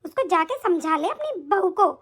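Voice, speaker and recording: A woman voicing a harsh, bossy middle-aged mother-in-law who taunts and scolds in an animated story. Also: extremely high pitch, normal speed, voice pushed down. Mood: scornful.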